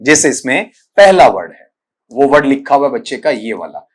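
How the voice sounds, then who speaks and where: A man's voice: medium pitch, sing-song, slightly rough. A middle-aged man teaching an exam-prep class, breaking words into their sounds one by one and often calling his students beta. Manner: addresses students as beta, repeats "thik hai" often; corrects pronunciations by saying sounds slowly one by one. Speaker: English teacher.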